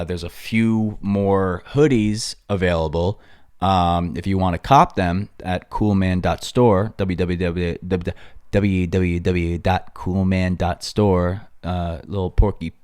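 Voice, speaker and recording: A young man hosts his podcast from home in a relaxed, meandering, slangy way, full of fillers and tired-sounding. His voice sits fairly low. The sound is close and dry, with almost no room in it. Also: clean tone, no room sound. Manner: laid-back and rambling, slangy, with many fillers. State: tired and briefly out of breath. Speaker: podcast host. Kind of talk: casual solo podcast talk. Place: home in Los Angeles.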